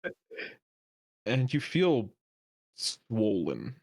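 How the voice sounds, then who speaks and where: A man narrating a tabletop game as game master in a calm, descriptive way. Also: mid-range voice, extremely slow, no room sound.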